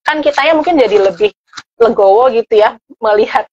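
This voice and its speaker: A woman explaining parenting advice in a relaxed interview, filling pauses with soft "eh" sounds and casual tag words. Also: on the high side. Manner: relaxed, full of "eh" fillers and "gitu" tags. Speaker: parenting expert guest. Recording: dull, dry lo-fi recording.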